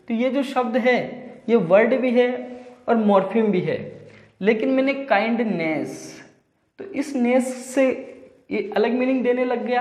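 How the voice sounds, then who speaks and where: A man's voice: high voice, a little mellow. Man teaching in an echoey room. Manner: explains slowly, repeating each definition in simpler words. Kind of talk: exam-prep lecture. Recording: echoey room with long reverb.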